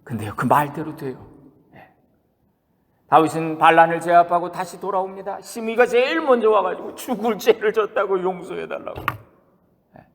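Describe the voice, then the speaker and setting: A man's voice: sits high, normal speed, gravelly, long pauses. A man preaching a sermon as pastor, talking conversationally with the congregation, asking them questions and acting out the quotes he tells. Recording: long reverb of a church hall.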